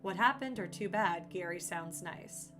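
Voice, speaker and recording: A woman's voice: on the low side, measured pace. A young adult woman streaming a video game, reading its text aloud and chatting playfully with viewers. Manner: chatty and playful, jumps to loud startled exclamations. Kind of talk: casual let's-play commentary, reading game text aloud. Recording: game music playing underneath.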